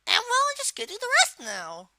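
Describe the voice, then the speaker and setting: Squeaky bratty male cartoon koopa voice, super high and swoopy, doing a halting tutorial. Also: huge pitch swings, sharp tone, full character voice. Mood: explaining, halting. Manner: halting, thinking aloud, self-correcting. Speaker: tutorial host. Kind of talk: software tutorial, casual and unscripted.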